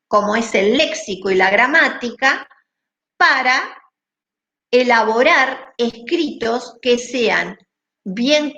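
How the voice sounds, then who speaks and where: A woman teaching a class, explaining step by step in a deliberate way and often checking that students follow. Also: a little high, lively intonation, pushed and bright, muffled recording. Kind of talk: online class lecture. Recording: roomy echo.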